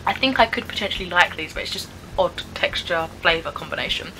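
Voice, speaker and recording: A woman's voice: on the low side, a little fast, noisy background. A British woman in her twenties giving casual, chatty taste-test commentary, thinking aloud with some hesitation. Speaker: vlogger reviewing snacks. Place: small bedroom, indoors.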